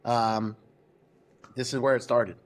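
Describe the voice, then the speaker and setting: A man's voice: mid-range voice, little pitch movement, takes it slowly. A man, a marketing agency founder and retired police officer, chatty and jokey in a podcast interview.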